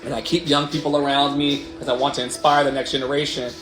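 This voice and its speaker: Talking fast in a mid-range, level voice, a late-thirties life coach hosts a livestream of motivation from his living room. His talk is blunt and emphatic, full of swearing and repeated affirming phrases, and the audio has a roomy echo with music behind.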